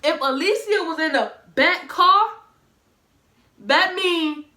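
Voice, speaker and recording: A high-pitched woman with a Southern US accent comments casually on the news and reads messages aloud, blunt and sarcastic. Her voice is bright and sharp, and it bounces around an echoey room. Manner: blunt, animated and sarcastic, talking straight to viewers. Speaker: reaction commentator.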